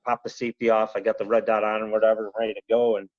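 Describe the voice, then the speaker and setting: In a lowish voice, a man rattles off a rambling, animated story at rapid-fire speed as a podcast guest, leaning on "you know" and "he goes." His audio is echo-free and close but a little muffled.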